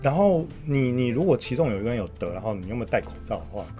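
A man with a Taiwanese accent chats casually as a podcast guest, in a halting way, often repeating short words of agreement in quick bursts. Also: mid-range voice, big pitch swings, warm tone. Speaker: guest market commentator. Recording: music playing under the talk.

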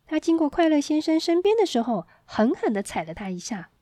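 Woman reading a children's story, mellow tone. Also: high-pitched, a little fast, dry recording. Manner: gentle, expressive reading to children.

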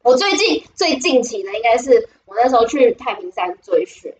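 A woman's voice: on the high side, big pitch swings, moderate pace, muffled recording, slight background noise. A young woman with a Taiwanese Mandarin accent, co-hosting a podcast and telling stories in a giggly, rambling way full of restarts. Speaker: podcast co-host. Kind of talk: casual storytelling chat.

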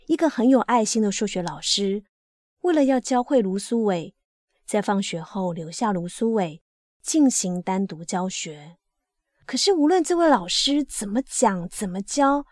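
A woman reading a life story aloud as scripted narration, in a steady, even storytelling manner. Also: mid-range voice, dry recording, studio quality. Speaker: reader.

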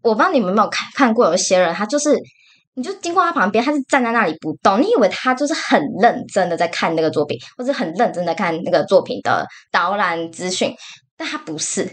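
Animated ranting Taiwanese Mandarin woman. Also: mid-range voice, fast. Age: young adult. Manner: animated, exasperated ranting with many fillers. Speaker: podcast co-host. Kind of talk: casual podcast monologue.

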